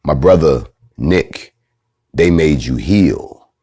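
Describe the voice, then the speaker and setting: A man hosting a show, telling a profane story as a preachy, animated monologue. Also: a bass voice, takes it slowly, husky, dry recording. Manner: animated, preachy, swears freely. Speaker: host.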